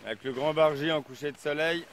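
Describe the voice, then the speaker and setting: Filmed on snowy slopes with an action camera on a selfie pole, a man narrates his own paragliding flight for a casual vlog. He sounds cheerful and relaxed, with enthusiastic outbursts, a fairly high voice and fast delivery, plus faint wind noise on the outdoor camera mic.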